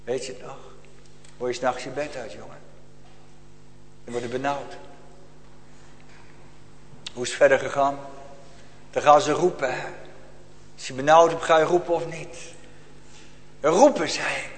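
A man's voice: medium pitch, steady tone, moderate pace, long pauses. A man preaching a solemn, urgent sermon full of rhetorical questions to his congregation. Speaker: pastor. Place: church. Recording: long reverb of a church hall.

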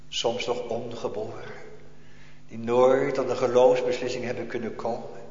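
A man preaching a sermon as pastor, slow and emphatic, his calls swelling and rising. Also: medium pitch. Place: church. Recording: echoey church hall, dull sound.

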